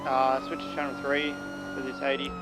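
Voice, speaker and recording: A man's voice: mid-range voice, wildly swooping pitch, moderate pace, heavy background noise. A man making clipped police calls over a radio in a roleplay. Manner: clipped radio procedure talk.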